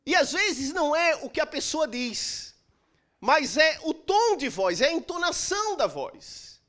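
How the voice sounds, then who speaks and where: A middle-aged man delivers a sermon from a church pulpit. His voice sits strikingly high and moves animatedly up and down. He preaches emphatically, stretching pauses and swinging between loud declarations and near-hushed lines. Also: very animated. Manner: emphatic preaching with dramatic pauses and shifts in loudness. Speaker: pastor.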